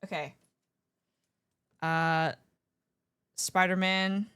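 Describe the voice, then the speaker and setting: A woman's voice: fairly low pitch, fairly even intonation, very slow, a bit bright, clean tone, no room sound, clean studio sound. A woman livestreamer chatting casually with her viewers in a playful, slangy gamer manner, scattered and often interrupting herself. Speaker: livestreamer hosting an art stream.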